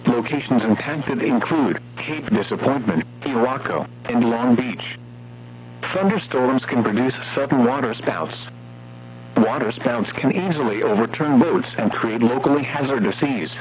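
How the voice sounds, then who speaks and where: Formal weather warning bulletins come through on a radio broadcast, read by a synthetic mid-range male voice with an American accent. The delivery is measured and impersonal, and the sound is muffled lo-fi with a faint hum.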